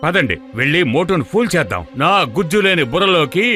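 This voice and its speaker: A man's voice: fairly high pitch, very animated, fast, over music. An actor voicing a sly, scheming male villain boss in a dubbed cartoon. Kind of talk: Telugu cartoon dub.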